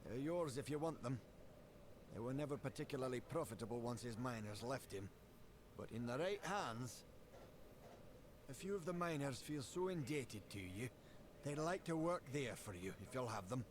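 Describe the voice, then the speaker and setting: A man's voice: mid-range voice, animated, normal speed, noisy background, close to an everyday voice. An actor playing a grateful, practical townsman in scripted fantasy video game dialogue. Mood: grateful, matter-of-fact.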